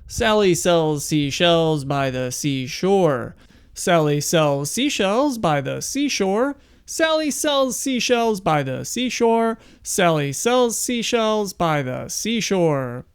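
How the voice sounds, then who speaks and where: Slow, gravelly man reviewing gear. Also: high voice, big pitch swings. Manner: measured, repeats a test phrase evenly. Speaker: camera reviewer. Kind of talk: casual tech review with test readings. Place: ordinary room with a window, no sound isolation.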